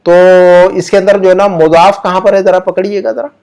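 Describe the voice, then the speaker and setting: In an online grammar class, a man whose accent is Urdu-speaking patiently explains points, slowly repeats examples, and poses questions to the students. He has a high voice, a flat delivery, and a darkish tone.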